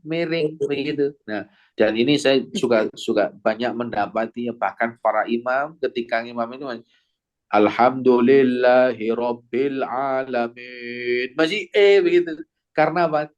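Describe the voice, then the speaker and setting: Male recitation teacher from Indonesia, classroom lesson, quizzes students, slows right down to model each sound. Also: mid-range voice, dull audio. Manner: demonstrates sounds slowly, drawn-out recited examples; asks the class questions. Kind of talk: classroom lesson with audience replies.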